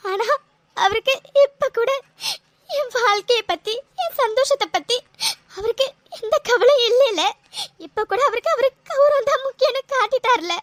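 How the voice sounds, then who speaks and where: A woman's voice: extremely high pitch, moderate pace, a bit bright. A woman voicing a heartbroken young woman in a cartoon, pleading tearfully and apologizing. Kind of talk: cartoon voice acting.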